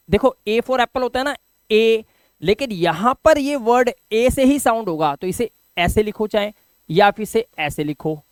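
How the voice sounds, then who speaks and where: A man's voice: sits high, no room sound. Man teaching English, dry close sound. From India. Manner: drawn-out syllable-by-syllable spelling, lively emphasis. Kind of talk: explaining pronunciation lesson.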